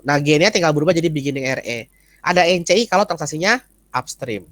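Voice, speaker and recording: An accounting lecturer with a fairly bright, high-leaning voice talks fast and expressively, with no echo. He teaches informally through explanation and question-and-answer, often tacking on short tags to check that listeners follow.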